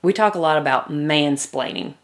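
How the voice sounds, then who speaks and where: A woman's voice: low-pitched, moderate pace. A woman co-hosting a casual chat, steering questions with dry, teasing humor. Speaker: podcast co-host. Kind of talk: casual chat among friends.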